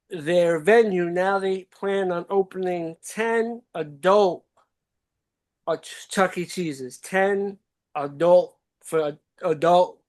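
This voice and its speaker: A man hosting a podcast, introducing the show and its topics in a laid-back, halting way. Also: sits high. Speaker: podcast host.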